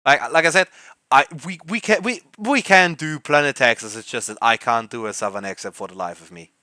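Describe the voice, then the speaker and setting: A man's voice: medium pitch, expressive, fairly quick, bright, forceful tone, no echo. A man on a voice call, chatting loosely as game master while planning a tabletop game, swearing and tripping over his words.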